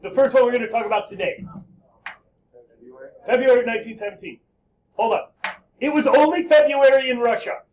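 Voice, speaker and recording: High-voiced, joking male history teacher. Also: brisk, pauses often, muffled recording. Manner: lively, joking, quizzing students. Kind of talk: classroom lecture. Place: classroom.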